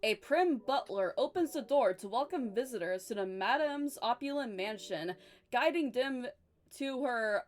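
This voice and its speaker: A woman's voice: a little high, expressive, measured pace. A young woman hosting a stream, chatting casually and reading a book aloud, stumbling over hard words. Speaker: streamer and host.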